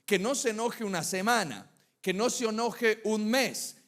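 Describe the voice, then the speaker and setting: A man with a notably high voice delivers a sermon. He talks in a relaxed, chatty way, mixing light personal anecdotes with rhetorical questions to the congregation. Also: a little slow. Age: adult, married with children. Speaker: preacher.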